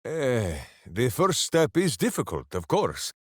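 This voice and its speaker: This video game voice is a hearty, simple-minded, boastful berserker hero devoted to his hamster, who refers to himself in the third person. His husky voice swoops wildly in pitch as he declaims slowly in a bombastic, heavily acted, theatrical style. The mood is blustering and hearty, and the recording is close and dry with no echo.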